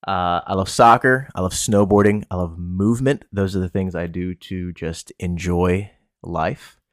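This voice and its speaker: A man from the eastern United States with an American accent is interviewed as a podcast co-host, chatting casually and giving playful, dry answers. His deep voice stays steady and unhurried, and the recording is dry.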